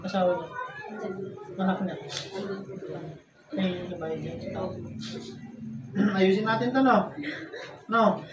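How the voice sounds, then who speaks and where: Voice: mid-range voice, fairly even intonation, slow, pauses often, lo-fi sound. Stern, taunting faith healer, echoey. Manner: stern, taunting, keeps prodding with short questions. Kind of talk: deliverance session, interrogating a spirit. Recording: echoey, distant, noisy room sound.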